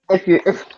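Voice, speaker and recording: Frank woman giving advice, dull lo-fi audio. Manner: frank, advising, conversational. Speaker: host. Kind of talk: casual advice chat.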